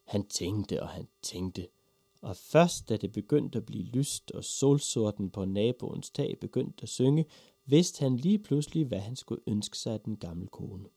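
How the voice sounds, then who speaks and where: A man reading a children's story aloud with a lively, expressive delivery. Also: lowish voice, vocal fry, breathy edge, dry recording. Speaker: narrator.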